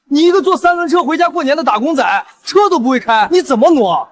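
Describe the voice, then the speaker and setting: A sneering rich rival. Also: male voice, very high voice, lively intonation, quick pace. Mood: scornful. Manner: mocking, contemptuous. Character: sneering young male rival, rich snob. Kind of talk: short drama acting.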